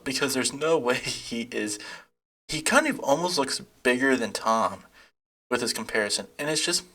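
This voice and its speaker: Male commentator, mid-pitched, loose and scoffing, laughs through his takes. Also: fairly bright tone. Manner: rambling, mocking, laughs often. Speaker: YouTube commentator. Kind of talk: casual reaction commentary.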